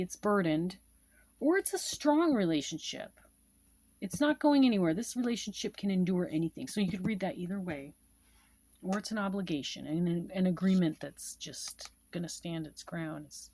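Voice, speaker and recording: A woman's voice: mid-range voice, darkish tone, dry recording. A woman casually teaching card-reading meanings, repeating each point with fillers and asides. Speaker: tarot and Lenormand card reader teaching. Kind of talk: casual instructional explanation.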